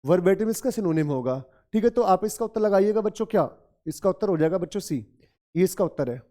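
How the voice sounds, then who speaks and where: High-voiced Hindi-accented male teacher. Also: lively intonation, a little fast, warm tone. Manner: addresses students as children, repeats key words. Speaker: English teacher. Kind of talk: classroom lesson explaining vocabulary.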